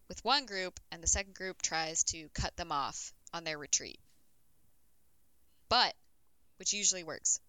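A woman's voice: fairly low pitch, sharp tone, clean tone, no echo, rough recording. A woman co-hosting a casual podcast, telling a history story in a loose, chatty way with plenty of "um"s and the odd swear.

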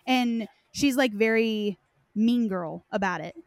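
This podcast speaker has a fairly high voice and talks slowly, in a dry recording. She discusses game lore casually, hesitating often and leaning on "like" throughout her loose phrasing.

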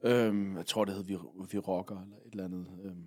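A man's voice: sits low, steady tone, darkish tone. A man from Funen telling a long story as a podcast guest, rambling along with lots of fillers and casual swearing. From Funen, Denmark.

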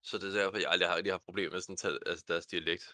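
A young man chatting on a podcast, loud and playful, teasing with quick jokes. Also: low voice, steady tone, dry recording. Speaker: podcast co-host. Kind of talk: casual chat.

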